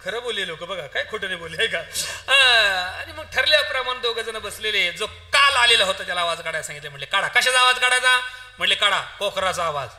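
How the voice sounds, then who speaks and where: A man's voice: high voice, quick pace, few pauses. A man preaching a humorous kirtan sermon, telling a story and acting out the characters' lines, speaking straight to his audience. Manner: animated storyteller, acts out characters' lines, addresses audience directly.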